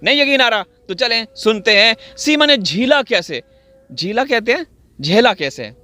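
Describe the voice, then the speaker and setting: Man from Pakistan, high bright voice, sarcastic theatrical commentator talking straight to his viewers. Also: expressive, moderate pace. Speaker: video commentator. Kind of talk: mocking commentary. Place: outdoors on wet farmland.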